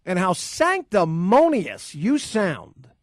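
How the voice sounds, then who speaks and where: A fairly high-voiced man hosts sports talk radio and rants with combative, sarcastic emphasis. His studio mic sounds dry and close, with no room around it. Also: huge pitch swings, slow, no room sound. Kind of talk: opinionated talk radio rant. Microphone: studio microphone.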